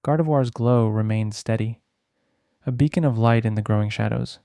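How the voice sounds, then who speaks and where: A man reads a bedtime fantasy tale with a soft-edged, mellow tone. His voice is very smooth and closely recorded in a dry space. He takes his time, letting dramatic pauses hang between phrases. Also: mid-range voice, no echo. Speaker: storyteller, narrator. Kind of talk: slow bedtime story narration.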